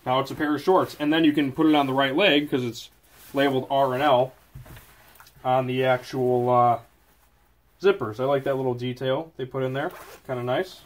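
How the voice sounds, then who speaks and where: Sitting indoors at a desk, a man gives a chatty, off-the-cuff product review, often correcting himself as he goes. His mid-range voice holds a steady tone at a moderate pace.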